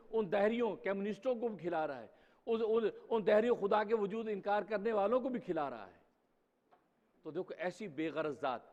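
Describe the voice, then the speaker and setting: Posing rhetorical questions with emphasis, a preacher gives the Friday sermon at a mosque. He has a high, slightly mellow voice, captured as dull sound with a long hall reverb.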